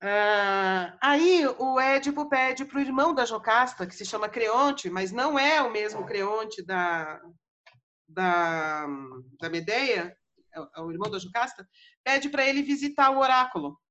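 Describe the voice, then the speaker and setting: A woman's voice: a little high, measured pace, fairly bright tone, a little hiss or hum. A woman podcast host casually retelling a story, chatty with frequent fillers. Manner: chatty, many fillers like né and tal.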